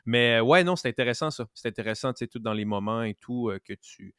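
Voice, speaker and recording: A man hosting a faith podcast, talking in a relaxed, reflective way with many casual fillers. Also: medium pitch, fast, clean tone, no echo, clean studio sound. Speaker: podcast host. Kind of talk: casual interview chat.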